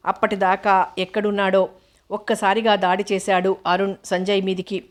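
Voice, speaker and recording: Woman narrating in a flat, even voice. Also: medium pitch, normal speed. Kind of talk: scripted audiobook narration.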